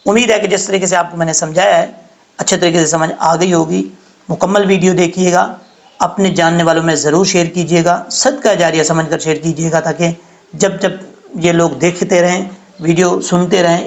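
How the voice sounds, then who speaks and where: Man, high-pitched voice, patient tajweed teacher, careful letter-by-letter explanations. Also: gravelly. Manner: patient, explains each letter slowly, then recites in a melodic chant. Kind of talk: step-by-step recitation lesson.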